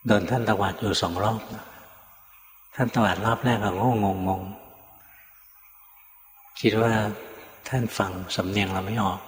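Older male monk, low-pitched and unhurried, dharma talk recorded in a reverberant hall. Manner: calm, plain storytelling with teaching asides. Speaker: Buddhist monk. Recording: echoey hall with long reverb.

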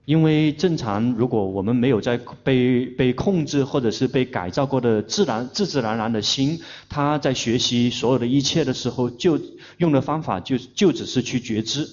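A man interpreting a meditation teacher's talk, speaking deliberately and searching for words as he renders each phrase. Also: mid-range voice, a little mellow. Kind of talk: consecutive interpreting of a dharma talk. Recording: dull lo-fi recording.

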